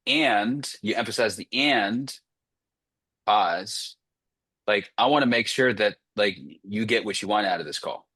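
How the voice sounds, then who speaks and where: A man's voice: on the low side, pushed and bright, husky, no echo. Blunt, profane male sales coach. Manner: blunt, profane, rapid-fire commands. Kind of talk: live group coaching call.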